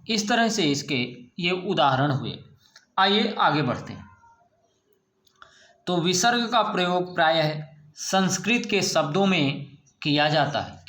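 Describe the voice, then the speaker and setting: A teacher walks students through a grammar lesson, repeating each question and answer in a slow, deliberate rhythm. His voice sits high for a man. The recording carries a noticeable room echo. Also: fairly bright tone. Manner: slow, drawn-out words with question-and-answer drilling.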